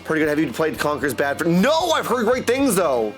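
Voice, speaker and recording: He's a voice actor and audiobook narrator hosting a video game livestream, and his fairly high, slightly bright voice sounds very animated and brisk. He chats casually with viewers, hopping from replies to catchphrases, over background music.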